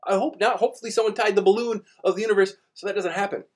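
A man's voice: high-pitched, steady tone, racing. Chatty man teaching kids about space. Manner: chatty, playful, explains simply with everyday examples. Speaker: science teacher. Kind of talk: live online kids' lesson at a whiteboard.

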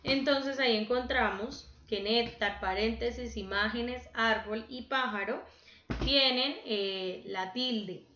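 A woman teacher speaks with slow, patient care and counts syllables out loud. Her voice is bright and sits a little high. The recording sounds echoey and dull, like a low-fi class video. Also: slight background noise. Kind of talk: online class lesson.

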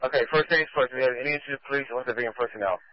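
A male police officer calling in a car pursuit over a police radio, in clipped, halting reports with many fillers. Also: medium pitch, dry recording. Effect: police radio transmission. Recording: muffled dry radio audio.

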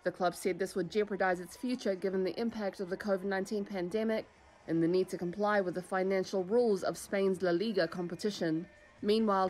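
A woman's voice: medium pitch, a little mellow, low-quality recording. A woman reporter reading a scripted news voice-over.

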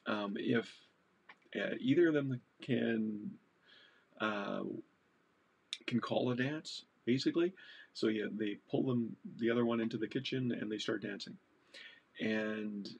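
A man's voice: mid-range voice, gravelly, slightly rough. A man from Canada giving casual advice to camera in a chatty, digressive way, laughing at himself now and then.

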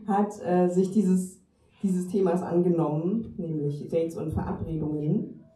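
A woman's voice: on the low side, fairly even intonation, a little slow, dark tone. A woman hosting a live reading, introducing authors in a casual, slightly hesitant way. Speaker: event host. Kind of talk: introducing readers at a live event. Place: reading venue with tables. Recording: echoey room from a distance.

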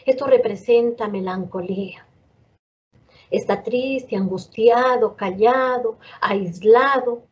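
A woman's voice: fairly high pitch, slow. Earnest Ecuadorian woman lecturing parents. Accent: Ecuadorian Spanish. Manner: earnest, repetitive, lecturing with rhetorical questions. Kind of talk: talk to parents and teachers. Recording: dull lo-fi sound.

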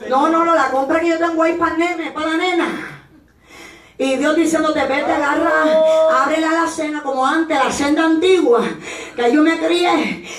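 A woman evangelist giving an impassioned Pentecostal sermon, rising to shouts at times and acting out the voices of others. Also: sits high, fairly even intonation, moderate pace. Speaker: evangelist preacher. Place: church. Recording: echoey church hall, mic at a distance.

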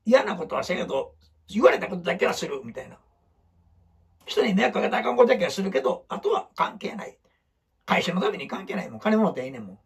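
Man, Osaka Kansai accent, casual blunt advice talk, swooping and very expressive pitch. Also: quick pace, creaky. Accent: Osaka Kansai dialect. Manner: blunt, rambling, acts out quotes in other voices. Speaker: photographer giving life advice. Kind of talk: casual talk with whiteboard explanations.

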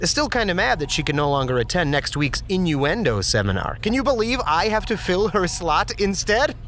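The same role of Andy, the chatty office joker who cracks up at his own puns, comes through in a high-pitched, sing-song voice at normal speed. It's an audio drama interview monologue with a noisy background.

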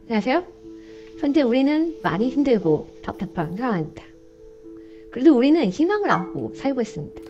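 A voice run through a voice changer that raises its pitch, making a calm, even statement in a demo clip. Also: fairly quick. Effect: voice changer raising the pitch. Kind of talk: plain spoken statement, played as a demo clip. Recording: dull lo-fi clip with faint music.

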